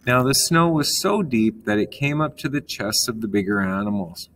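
A man reading a children's story aloud in a calm manner, gently explaining words along the way. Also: mid-range voice, normal speed, noisy background.

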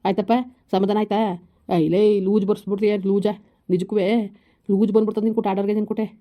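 A woman's voice: medium pitch, flat delivery, fast talker, warm tone, lightly acted. A woman playing a harried husband caught between his wife and his mother, talking in an exasperated, scolding way in a village comedy skit. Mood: bitter. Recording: slightly dull lo-fi recording.

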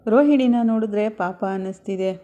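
A woman narrating a casual retelling of a television serial episode, steady and plain. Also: mid-range voice, brisk, dull audio. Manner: plain storytelling pace, steady.

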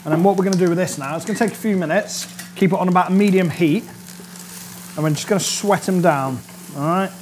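A chef in his thirties hosts a casual cooking demo on an indoor studio kitchen set, chatty and upbeat, constantly checking in with viewers with "all right?" He talks fast in a high voice with a darkish tone. A pan sizzles and fries in the background, with slight background noise.

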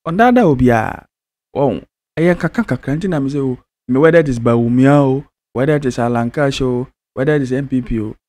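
A young man with a Ghanaian accent giving casual news commentary in Twi and English, talking in an animated, emphatic way into a studio mic. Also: medium pitch, brisk. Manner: animated, emphatic, switching languages. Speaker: news presenter. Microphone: studio mic on a stand in front of him.

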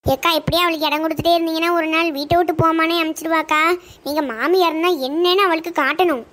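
A woman's voice: very high voice, steady tone, quick pace, a bit bright. A woman voicing a meddling, gossipy cartoon neighbour who slyly stirs up trouble in Tirunelveli Tamil. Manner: sly, stirring trouble, coaxing. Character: meddling gossipy neighbour mother-in-law Parvathi.

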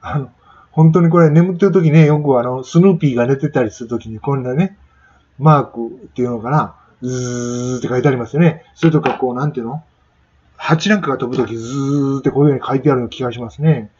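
An English pronunciation teacher gives a casual spoken lesson, chatting and demonstrating sounds with exaggerated repetition. His voice is mid-range, quick and a little mellow, and the recording is muffled.

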